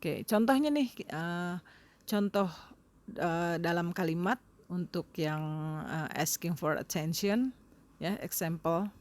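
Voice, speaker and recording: A woman English teacher talks through a lesson in a relaxed, casual way. She speaks very slowly in a fairly low voice. She often stops on hesitation fillers as she explains. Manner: unhurried, with frequent hesitation fillers.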